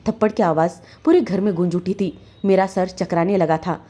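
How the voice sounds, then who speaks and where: A woman's voice: on the low side, steady tone, moderate pace, dark tone. A woman narrating a story in the first person, with earnest, emotional storytelling.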